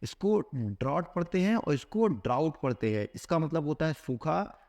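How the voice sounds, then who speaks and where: A man teaching vocabulary for competitive exams. He asks a question, answers it himself, and reads English phrases slowly, word by word. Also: a little high, sing-song, darkish tone. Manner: asks a question, then answers it with a repeated keyword. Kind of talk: explaining a vocabulary lesson.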